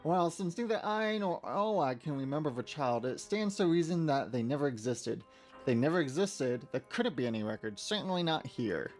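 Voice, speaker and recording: A man's voice: on the high side, expressive, fairly quick, soft background music, lightly acted. A man voicing a fussy, motherly female librarian who calls people dearie, sweet but nervous. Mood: coy, pointed.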